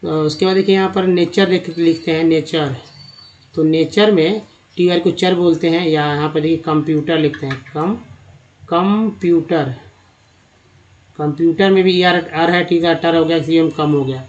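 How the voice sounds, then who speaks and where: A man teaching English pronunciation in a slide lesson, spelling out letters and repeating words slowly, often checking with his viewers. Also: fairly high pitch, fairly even intonation, dull audio. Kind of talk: slide-based lesson in Hindi.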